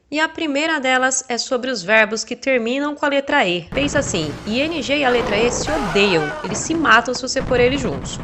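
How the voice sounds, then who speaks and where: A woman's voice: on the high side, a bit bright. Chatty woman teaching grammar. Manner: playful, chatty, spells out letters, repeats memory tricks. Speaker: English teacher. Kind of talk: casual explanatory lesson.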